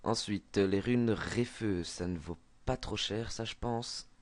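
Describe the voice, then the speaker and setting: A man's voice: on the low side, takes it slowly, no room sound. A man with a Belgian French accent explaining a game trick over a screen recording, hesitant with many fillers and restarts. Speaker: gaming tutorial maker.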